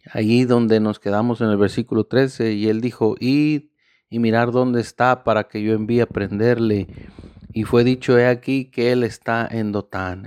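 Male preacher, fervent sermon delivery, mid-pitched voice, dry close recording. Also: a little mellow, clean tone, no echo. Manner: fervent, repeating "aleluya" and "hermano" between phrases; slows down to stress key words.

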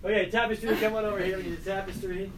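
A man teaching a high school class, lively and directing students to act out a scene. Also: very fast, noisy background.

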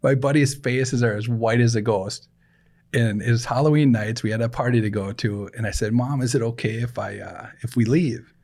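A man's voice: mid-range voice, steady tone, normal speed, a little mellow. A middle-aged man hosting a podcast, telling stories in a casual chat and laughing often. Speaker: podcast host.

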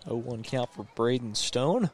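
A man's voice: medium pitch, expressive, measured pace. A man doing live sports commentary as the play-by-play announcer of a baseball game.

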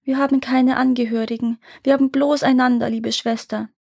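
Woman voicing a tearful young sister, higher. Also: expressive, normal speed, darkish tone, breathy edge, no echo, studio quality. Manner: tearful, murmuring. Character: young grieving noble daughter, first sister.

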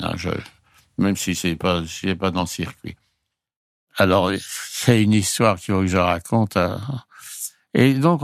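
A man's voice: mid-range voice, dry recording, studio quality. An older man, a retired flight crew member, casually telling anecdotes in a rambling way, often chuckling and restarting his sentences.

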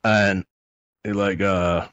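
Low-voiced man telling profane anecdotes. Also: flat delivery, slow pace, a bit bright, no echo, dull audio. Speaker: podcast guest. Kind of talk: casual storytelling.

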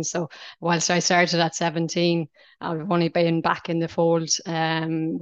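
Irish woman from the west, west of ireland accent, podcast guest chat, very flat pitch, dry close sound, bit lo-fi. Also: clear, resonant tone, no room sound. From County Mayo, west of Ireland. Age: 30s. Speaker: podcast guest, Gaelic footballer. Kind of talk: conversational interview answers.

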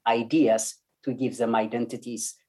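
A man's voice: medium pitch, little pitch movement, normal speed, mellow. A man from Ethiopia speaking as a lecturer on an online panel, hesitant with many fillers and restarts. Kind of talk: academic panel talk.

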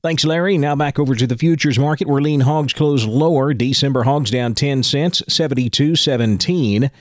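A man's voice: mid-range voice, moderate pace, dry recording. Dry studio-sounding man reading farm markets. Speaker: agricultural market news anchor. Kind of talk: scripted market report.

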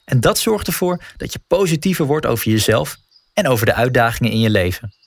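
A man's voice: medium pitch, lively intonation, brisk, gravelly, dry recording. A man narrating a scripted guided wellness walk as a coach, speaking informally and encouragingly straight to the listener.

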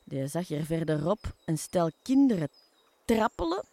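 Woman acting a chatty Flemish worm innkeeper, lowish voice. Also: big pitch swings, normal speed, warm tone. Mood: storytelling. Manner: folksy, chatty, explanatory. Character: chatty, easygoing female tiger worm running a hotel. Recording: music under the voice.

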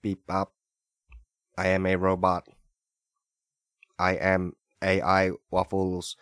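Comic male robot host, robot voice pitched low and stiff, a man doing it for a bit. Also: completely flat delivery, takes it slowly, a bit bright, clear, resonant tone, no echo, clean studio sound. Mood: mechanical. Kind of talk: comic improvised podcast bit.

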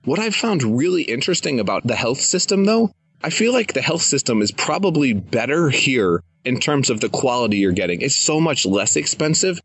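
Young guy hosting a podcast, super enthusiastic, bit husky, dry close sound. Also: mid-range voice, a bit bright, no echo. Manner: enthusiastic, advice-giving. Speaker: podcast host. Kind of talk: casual interview. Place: living in Thailand, jungle sounds around.

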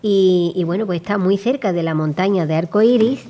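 A woman's voice: lowish voice, fairly quick, mellow. A woman co-hosting a casual radio chat, chatty and finishing her partner's sentences. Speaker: radio co-host. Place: local radio studio.

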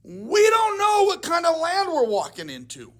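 A man's voice: extremely high pitch, wildly swooping pitch, voice pushed up, heavily acted. A man voicing an anxious crowd of wanderers who keep stalling and pleading for caution. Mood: fretful. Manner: nervous, hurried pleading.

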